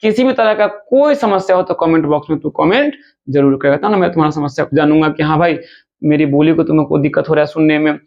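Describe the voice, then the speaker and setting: A male physics teacher, talking fast and chatty as he works through exam questions and speaks to his students informally. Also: a little high, gravelly. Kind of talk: objective-question exam lesson. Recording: dull lo-fi sound.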